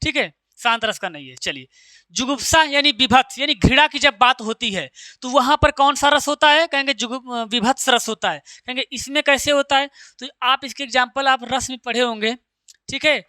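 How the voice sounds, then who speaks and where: Male tutor, smooth clear tone, questioning lecture style, dry close recording. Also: very high-pitched, bright, forceful tone, no echo. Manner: recites verse lines slowly, quizzes with rhetorical questions. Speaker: teacher. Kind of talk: exam-prep lecture.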